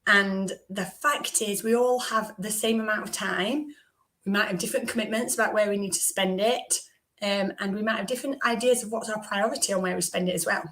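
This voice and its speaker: A woman hosting a live business stream, her voice croaky from recovering, chatting with asides to her viewers. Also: mid-range voice, steady tone, brisk, fairly bright tone. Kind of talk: casual live-stream talk.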